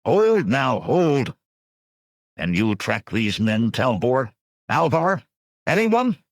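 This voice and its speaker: A man voicing a gruff one-eyed male bandit leader who barks commands. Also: mid-range voice, sing-song, slow, dry recording, clean studio sound, voice pushed up. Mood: commanding. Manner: commanding, barking.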